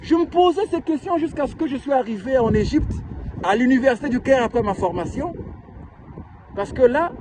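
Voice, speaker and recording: Background noise surrounds a very high-pitched male voice carrying a Congolese French accent. The speaker, an author from Brazzaville in the Republic of the Congo, shares a fervent personal testimony full of rhetorical questions.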